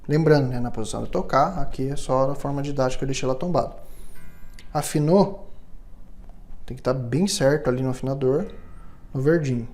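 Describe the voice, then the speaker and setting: A man's voice: medium pitch, fairly quick, long pauses, darkish tone, soft background music. A man, giving a patient, step-by-step hands-on tutorial in a luthier's workshop and checking in often with his viewers. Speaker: luthier instructor.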